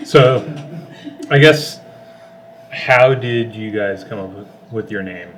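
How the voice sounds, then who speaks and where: A man's voice: fairly low pitch, takes it slowly, fairly bright tone, recorded from a distance, slight background noise. A man hosting a casual interview, asking questions with dry teasing humor.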